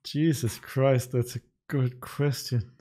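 In his room before a webcam, a native Danish speaker in his twenties from Denmark chats casually with his livestream viewers, answering their questions. He laughs lightly and stays relaxed, speaking at a medium pitch and a slow pace.

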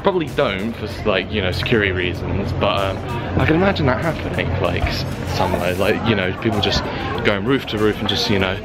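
A man's voice: on the low side, lively intonation, fairly quick, over loud music, over a noisy crowd. A young man from England, talking casually to a handheld camera outdoors as he vlogs his travels, rambling with fillers. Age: young adult. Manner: chatty and rambling, with fillers and laughs. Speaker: vlogger. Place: outdoors in old town streets and by the sea. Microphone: handheld compact camera at arm's length.

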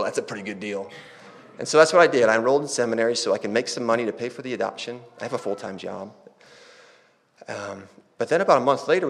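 Pastor, 30s, male, gravelly, mid-pitched; conversational testimony that acts out quoted dialogue. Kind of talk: testimony within a sermon.

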